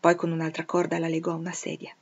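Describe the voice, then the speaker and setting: A woman reading a novel aloud in a steady, expressive narrating voice. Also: low voice, fast talker, husky. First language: Italian. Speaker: audiobook reader. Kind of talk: literary reading. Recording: dull lo-fi recording.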